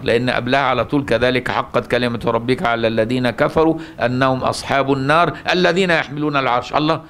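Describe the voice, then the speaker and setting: A man's voice: mid-range voice, a bit bright. A man with an Egyptian Arabic accent giving a religious lesson on the Quran, often asking rhetorical questions and answering them himself. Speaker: Quran teacher.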